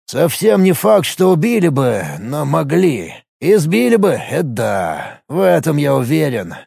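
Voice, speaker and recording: A man's voice: fairly high pitch, sing-song, creaky, dark tone, breathy edge, no echo, studio quality, exaggerated voice. A man reading an audiobook, voicing a serious, wary man who weighs his words. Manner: measured, serious.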